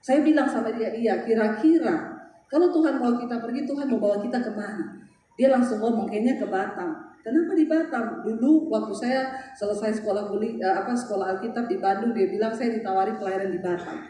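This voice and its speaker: A woman's voice: fairly high pitch, a little fast, mellow, distant mic. A woman preacher giving a fervent sermon, laughing between phrases and drawing out her words, with an Indonesian accent. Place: large echoing church hall. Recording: very echoey hall with faint noise.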